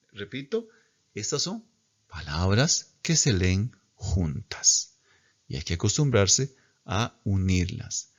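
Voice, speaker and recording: A man teaching a class in a slow, patient way, repeating words for students to copy. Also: fairly low pitch. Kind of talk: recorded lecture.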